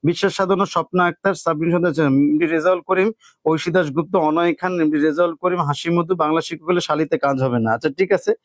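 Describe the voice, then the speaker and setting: A young man with a colloquial Bangladeshi Bengali accent runs a live online exam-prep lesson. His voice sits a touch high and is recorded close and dry. He explains each step patiently, calls his students "bhai" and reads out their names as he goes. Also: fairly even intonation, quick pace, dry recording. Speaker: teacher.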